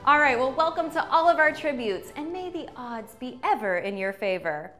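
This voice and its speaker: A woman's voice: high-pitched, lively intonation, normal speed, a bit bright, faint music behind. A young adult woman hosting a fan trivia game show with upbeat enthusiasm. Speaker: host.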